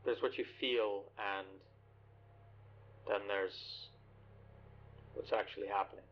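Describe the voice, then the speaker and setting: Brief: man voicing an uneasy halting guy, deepish, bitcrushed and muffled. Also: fairly even intonation. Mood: hesitant. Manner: halting, stammering, repeats words.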